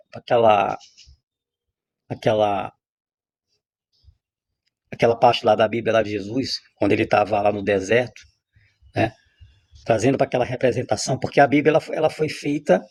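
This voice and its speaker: Husky-voiced man teaching on scripture. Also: medium pitch, darkish tone. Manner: repetitive, emphatic, with frequent restarts. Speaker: religious teacher. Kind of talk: spontaneous spiritual teaching monologue.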